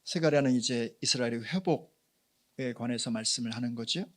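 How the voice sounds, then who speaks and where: A man preaching a Sunday sermon as pastor, swinging between raised, forceful lines and soft near-whispers. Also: medium pitch, normal speed. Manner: acts out quoted neighbors in swings of loud and hushed.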